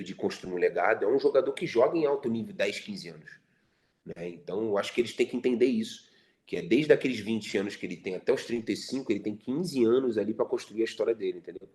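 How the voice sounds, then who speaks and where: A man in his late thirties with a Brazilian Portuguese accent, a guest in a podcast interview, talking in a relaxed and reflective way with repeated fillers. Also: deep voice. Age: 30s. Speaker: futsal player guest.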